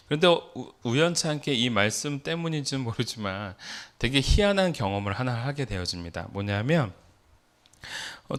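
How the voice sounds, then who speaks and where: Middle-aged male pastor, sermon delivery, anecdotal, conversational, mid-pitched. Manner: storytelling with rhetorical questions to the congregation.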